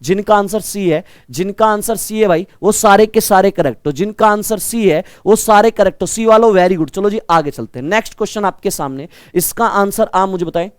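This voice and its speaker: Loud, energetic man teaching live. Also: sits high, moderate pace, few pauses, clean tone, dry recording, clean studio sound. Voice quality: naturally loud voice. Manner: energetic, calls students brother, quizzes them. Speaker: reasoning teacher for exam prep. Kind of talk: live online lesson.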